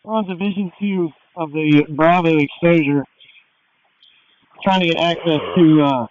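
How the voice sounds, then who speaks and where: Male firefighter, high voice, giving short fireground reports over a lo-fi two-way radio. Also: steady tone, unhurried, darkish tone. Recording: dull, band-limited radio transmission.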